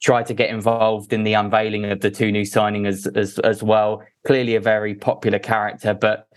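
A man's voice: on the low side, flat delivery, fairly quick. A man talking through football opinions as a podcast guest, casual and conversational.

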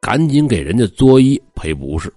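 Husky man telling a ghost story. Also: medium pitch, normal speed, dry recording, clean studio sound, faint music behind. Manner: lively folksy storytelling.

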